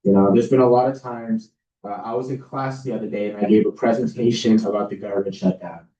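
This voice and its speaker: Talking fast, a young man coaches a student club on public speaking, calm and self-assured, deliberately pitching lower to sound authoritative. The recording comes from across an echoey meeting room, so it's roomy, distant and a little dull.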